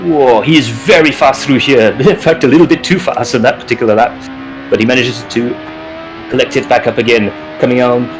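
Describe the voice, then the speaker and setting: Male sim racer, live play-by-play from the cockpit, excited, music bed underneath. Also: low-quality recording. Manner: excited, rapid play-by-play that rises in pitch at battles. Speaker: sim racing driver commentating own race. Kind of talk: live race commentary while driving.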